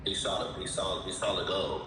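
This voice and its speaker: A man's voice: deep voice, flat delivery, a little fast, sharp tone, slight background noise. A man asking the questions in a casual Q&A, teasing and slangy, swearing as he talks. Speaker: guest interviewer. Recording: very echoey, far from mic, music behind.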